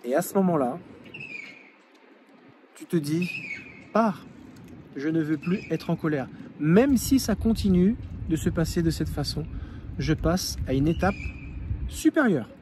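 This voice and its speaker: A man's voice: a little high, expressive, a little slow, pauses often, warm tone, slight background noise. A man coaching the viewer directly, earnest and repeating key phrases for emphasis. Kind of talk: advice monologue to the viewer.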